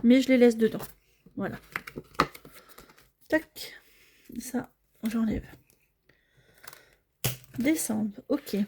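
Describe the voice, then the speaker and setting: A woman's voice: on the high side, very slow, long pauses, mellow, slight background noise. A woman talking casually as she fills cash envelopes at home, narrating each small task and often apologizing to her viewers, sometimes dropping to a near-whisper. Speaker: budgeting vlogger. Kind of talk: casual talk while filling cash envelopes.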